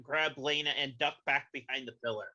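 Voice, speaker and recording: A man's voice: medium pitch, fairly quick, sharp tone, lo-fi sound. A man playing in a tabletop game, wry and laid-back. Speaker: player. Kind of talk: casual tabletop game talk.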